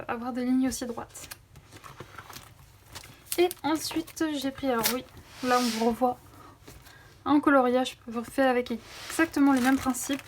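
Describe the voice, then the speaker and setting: A young woman with a high voice excitedly shares a coloring book haul, peppering her casual vlog with fillers. Her phone camera recording carries a little hiss or hum.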